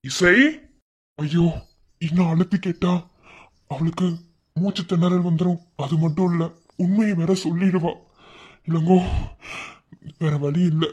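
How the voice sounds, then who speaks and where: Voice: mid-range voice, darkish tone, slightly rough, muffled recording. A nervous young man in a cartoon, evasive and unsure of himself. He stammers and hesitates before he gets his words out. A performer voices him. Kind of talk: cartoon voice acting.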